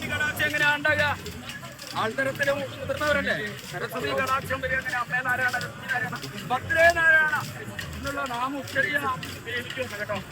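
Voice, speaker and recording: Very high-pitched male oracle, Kerala accent. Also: fairly quick, very noisy. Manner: speaks as an oracle of the mother goddess, exhorting and blessing in repeated set phrases. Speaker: temple oracle giving blessings to devotees. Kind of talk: possessed oracle pronouncements.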